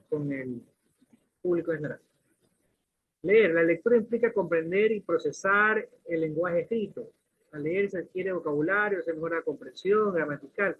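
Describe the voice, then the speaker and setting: Pitched fairly high with a breathy edge, a man lectures to a class. Questions and everyday examples carry his explanations, though he keeps restarting sentences, all heard on a lo-fi phone-style recording.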